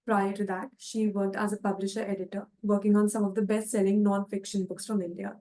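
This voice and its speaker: A woman with a medium-pitched voice acts as host of an online event. She reads a prepared introduction in a formal, orderly way, as one would when presenting a guest speaker. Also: flat delivery, a little fast, warm tone. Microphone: online call.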